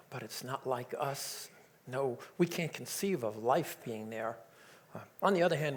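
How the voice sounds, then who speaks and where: Enthusiastic man giving a science talk. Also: mid-range voice. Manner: enthusiastic, joking, with many fillers. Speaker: lecturer.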